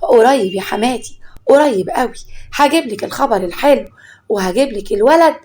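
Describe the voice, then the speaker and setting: Woman playing a scheming young wife, Egyptian accent, honeyed, flattering, higher voice. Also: a little fast, lightly acted. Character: scheming sweet-talking young second wife.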